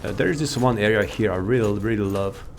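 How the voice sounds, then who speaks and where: Here a man with a lowish, creaky voice talks quickly through a casual game walkthrough, hosting a showcase with loose, excited, meandering remarks. Game music runs behind him with slight background noise.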